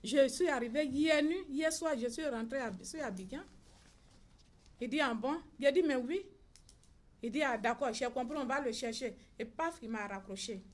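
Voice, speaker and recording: Middle-aged Ivorian woman, slightly high voice. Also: moderate pace. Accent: Ivorian French. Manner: recounts events by acting out reported dialogue. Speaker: bereaved mother at a press conference. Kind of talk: personal account at a press conference.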